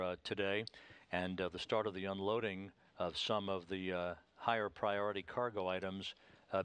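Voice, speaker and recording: A man with an American accent and a fairly low voice delivers live mission commentary. He is formal and methodical, laying out technical detail in a measured way. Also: fairly bright tone, clear, resonant tone, dry recording.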